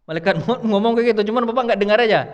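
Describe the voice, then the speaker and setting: A man's voice: sits high, little pitch movement, very fast, lo-fi sound. A male preacher giving a mosque sermon, often putting questions to the congregation. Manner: keeps asking the congregation questions. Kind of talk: mosque sermon, Islamic study class. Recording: long reverb of a mosque hall.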